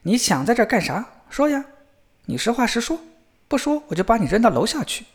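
A naive young lad who fears nothing, voiced by a man reading a storybook, shouting his words in a raised, lively voice. He swings up high and stays loud and blunt. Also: a little fast.

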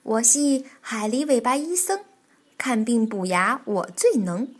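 A woman's voice: high voice, sing-song, measured pace. Proud, jolly beaver dentist in a storybook, chatty and boastful; woman voicing.

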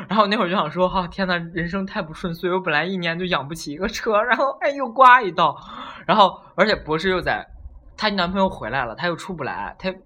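A man casually telling a story on a podcast, animated and acting out the people in it. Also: high voice, brisk. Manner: animated, acts out voices while telling a story.

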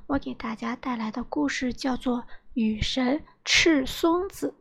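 A woman who teaches Chinese at a primary school, gently reading a folk tale aloud to her pupils. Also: sits high. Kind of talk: storytelling for children.

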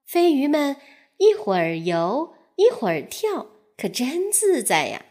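A woman reading a children's story aloud in a slow, expressive storybook cadence. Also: high-pitched.

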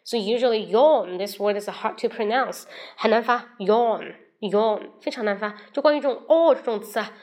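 A woman from China hosting a casual livestream English lesson, chatting with viewers, switching between Chinese and English and slowly repeating words to show how they sound. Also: fairly high pitch. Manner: addresses viewers directly and invites questions.

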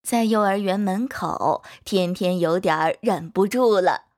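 A woman narrating a children's storybook in a gentle, expressive way. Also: mid-range voice, unhurried.

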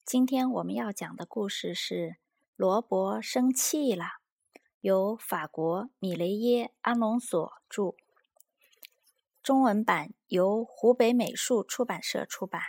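A woman storyteller reads a children's picture book aloud at a middle pitch. Her narration is lively and expressive throughout. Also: slightly rough.

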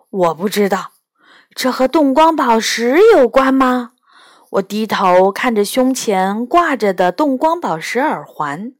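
A woman reading a children's storybook aloud in an expressive, unhurried way. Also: fairly high pitch, no room sound, studio quality.

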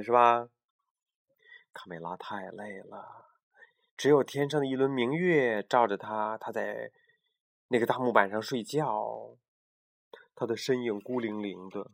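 A man in his thirties, a father reading a bedtime storybook to his child, gentle, with explaining asides. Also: mid-range voice, moderate pace, creaky.

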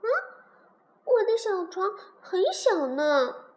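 A woman's voice: extremely high pitch, expressive, slow pace, pitched above the performer's own voice, heavily acted. A woman voicing a spoiled, haughty little princess in a storybook, petulant and disdainful. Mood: eager.

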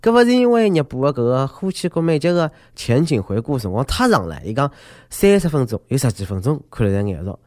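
A man's voice: mid-range voice, big pitch swings, fast, darkish tone, dry recording, clean studio sound. A man with a Shanghainese accent hosting a scripted humorous news show, joking and exclaiming like a theatrical storyteller. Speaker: host of a comedic news podcast.

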